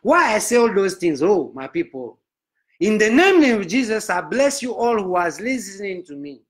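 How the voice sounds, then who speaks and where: A man impersonates a booming, solemn, pompous Nigerian prophet, declaiming a comic sermon in broken English with a Nigerian accent. His pitch swings widely while his pace stays measured, all in a preaching mood.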